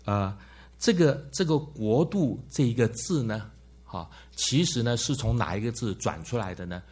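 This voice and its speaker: Husky man lecturing a Bible class. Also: on the low side, darkish tone. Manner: frequent "ha" tag words and questions to the class. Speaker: Bible teacher.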